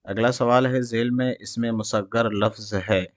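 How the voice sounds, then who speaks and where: A man's voice: medium pitch, steady tone, dry recording. A man with an Indian Urdu accent, teaching an exam prep lesson. He reads each question and its options aloud, then explains the answer.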